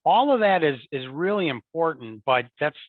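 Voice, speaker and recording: Heard on dry, tinny remote audio without room sound, this man's voice is fairly high and sing-song at a moderate pace. An interview guest and support and field services executive, he talks conversationally, repeats words, and often says "you know" and "right?".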